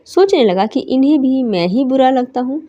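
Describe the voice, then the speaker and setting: A woman's voice: high-pitched, animated, moderate pace, warm tone. A woman teacher reading a lesson aloud to children and explaining it line by line, in a slightly dull recording. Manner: reads aloud and explains, with "देखिए" asides.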